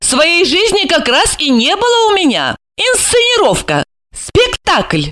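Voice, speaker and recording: A woman voicing a distraught young woman who cries out in shrill, accusing protest. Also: wildly swooping pitch, a little slow, fairly bright tone, exaggerated voice.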